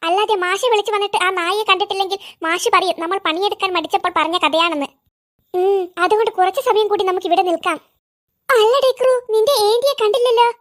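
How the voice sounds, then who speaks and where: A voice actor playing excitable young schoolboys who bicker back and forth in a cartoon. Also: extremely high pitch, fast talker. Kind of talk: cartoon voice acting. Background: faint background music.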